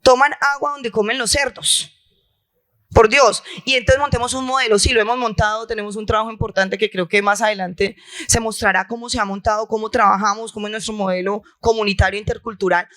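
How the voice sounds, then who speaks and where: On a conference hall panel, a woman from La Guajira, Colombia, who heads a health insurer, talks a little fast in a fairly high, steady, slightly bright voice. She is impassioned and emphatic, leaning on rhetorical repetition.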